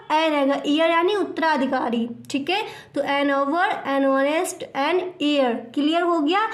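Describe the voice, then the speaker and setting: A woman's voice: high-pitched, echoey room. A woman explaining grammar to students, patiently asking questions and answering them herself. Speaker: English grammar teacher. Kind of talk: classroom explanation.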